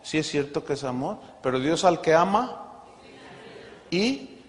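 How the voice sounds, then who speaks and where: Male pastor, high voice, emphatic sermon delivery with loud-soft swings, hall reverb. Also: animated, measured pace. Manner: emphatic, swings between loud scripture reading and soft asides.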